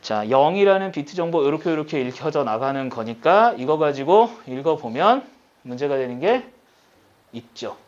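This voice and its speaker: A man teaches a recorded lesson in a fairly high, lively voice that swings up and down. He keeps checking in with quick questions as he works through a problem step by step. The recording sounds dull and lo-fi. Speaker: high school Korean teacher.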